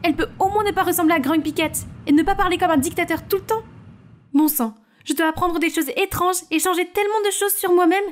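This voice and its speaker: A woman's voice: very high-pitched, quick pace, voice pushed up. A woman voicing a weary teenage girl pushed toward fame, complaining and exasperated. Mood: griping. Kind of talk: storybook character voice.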